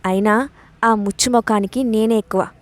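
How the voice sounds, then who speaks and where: A woman's voice: mid-range voice, fairly even intonation, moderate pace, natural voice. A woman reading the part of a bold young woman boss in an audio story, with a mocking, commanding way of talking. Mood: taunting.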